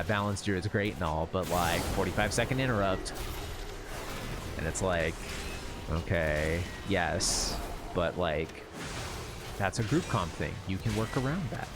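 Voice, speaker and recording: A man with a lowish voice chats loosely while he plays, filling his talk with "like" and tossing in casual swearing. Game music sits clearly behind him. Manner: rambling, heavy on "like", casual swearing. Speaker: streamer playing an online game. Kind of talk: casual live-stream chat.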